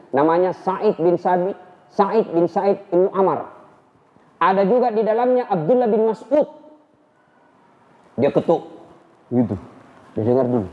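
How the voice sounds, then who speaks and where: A man's voice: high-pitched, dull audio. A man preaching a storytelling sermon, acting out every line of dialogue. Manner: animated, acts out dialogue. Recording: long hall reverb.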